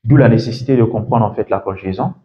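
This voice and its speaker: A man's voice: lowish voice, fast talker. French-speaking man teaching a class, lo-fi. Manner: explains step by step, often asks "d'accord?". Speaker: English coach. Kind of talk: classroom lecture.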